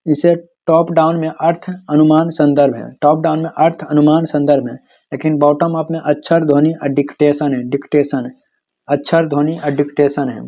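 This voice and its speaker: Teacher drilling repeated terms. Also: male voice, fairly high pitch, flat delivery, normal speed, dark tone, highs cut off. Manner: repeats key terms for drilling, asks and answers his own questions. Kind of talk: exam-prep lecture.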